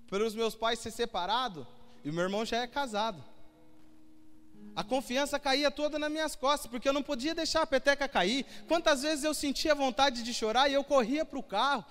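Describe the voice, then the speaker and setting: A man's voice: very high-pitched, a bit bright, clear, resonant tone. A young man giving an emotional sermon testimony, telling his story with quoted dialogue. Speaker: preacher. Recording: hall reverb with faint music.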